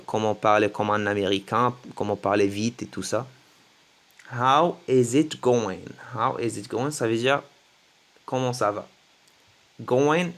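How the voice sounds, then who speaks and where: A man teaching English greetings to French speakers, slowly repeating each phrase several times. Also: lowish voice, a bit bright. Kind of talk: French-language English lesson.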